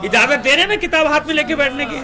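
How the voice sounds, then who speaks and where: A man with a Pakistani Urdu accent giving a sermon and reading hadith, asking his listeners rhetorical questions and chanting the Arabic slowly. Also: very high voice, expressive, crowd noise. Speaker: Shia cleric.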